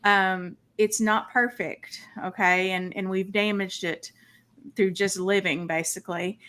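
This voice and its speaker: Bright-voiced woman, rambling, halting explanations. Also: medium pitch, steady tone, clear, resonant tone. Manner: rambling, many fillers and restarts. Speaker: panelist. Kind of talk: casual group video chat.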